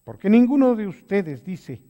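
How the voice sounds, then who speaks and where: A man leading a Bible study as a pastor, swinging between quiet low phrases and loud emphatic exhortations. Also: very animated, moderate pace, big-room sound, highs cut off. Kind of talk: sermon-style Bible study.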